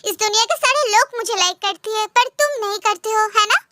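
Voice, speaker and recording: Teasing older guy in a fan dub, a woman voicing him, super high bright voice. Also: animated, fast talker, dry recording, exaggerated voice. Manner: teasing, playful.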